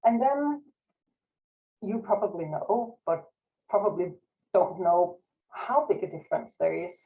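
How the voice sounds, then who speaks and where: A university researcher from Denmark, speaking with a Danish accent, gives an online presentation over a video call, modest and careful with frequent restarts. Her mid-range voice is expressive and unhurried, and the sound is phone-quality.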